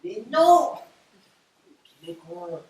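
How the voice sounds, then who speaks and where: A man's voice: high voice, lively intonation, moderate pace. An actor playing an impatient, condescending man in a stage play, recorded from far off in a very roomy theatre. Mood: scheming. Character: exasperated, scheming, haughty man. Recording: very roomy stage audio from far off, faint noise.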